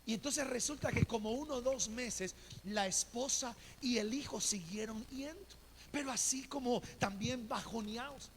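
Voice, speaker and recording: A middle-aged man delivers a sermon from the pulpit. His voice sits very high and carries a gravelly rasp. He tells his story by acting out each person he quotes. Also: moderate pace, background noise. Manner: storytelling, acts out the people he quotes. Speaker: pastor. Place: church.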